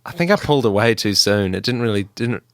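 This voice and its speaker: A man's voice: lowish voice, expressive, fast talker, no echo, clean studio sound. A man on a podcast, talking in a hesitant, stammering way. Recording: loud background noise.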